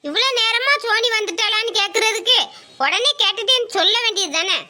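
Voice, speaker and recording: A woman's voice: very high-pitched, a little fast, pushed and bright, a little hiss or hum, heavily acted. A woman playing an anxious, scolding mother who frets and wails in a skit. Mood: nagging. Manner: wailing, fretful. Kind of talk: skit acting.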